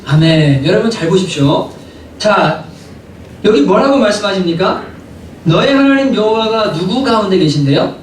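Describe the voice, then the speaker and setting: A male pastor preaching a sermon in a church, animated and often asking the congregation questions. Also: high voice, normal speed, a little hiss or hum. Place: church sanctuary. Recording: echoey hall from a distant mic.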